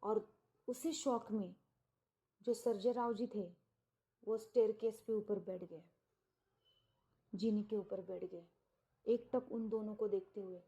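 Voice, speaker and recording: A woman's voice: medium pitch, steady tone, takes it slowly, pauses often, dark tone. A woman telling a dramatic horror story in the first person, with breathless exclamations.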